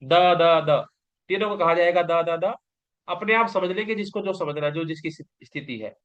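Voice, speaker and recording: A man's voice: high-pitched, moderate pace, fairly bright tone. A man teaching a recorded yoga exam-prep lecture, explaining patiently and often asking and answering his own questions. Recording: dull lo-fi class recording.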